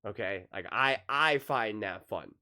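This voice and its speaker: An excitable man holds forth alone in a sports opinion vlog. His voice sits a little low, and he rambles, restarting sentences and circling back over the same points. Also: a little slow. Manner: excitable, rambling, repeats himself. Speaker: sports commentary YouTuber.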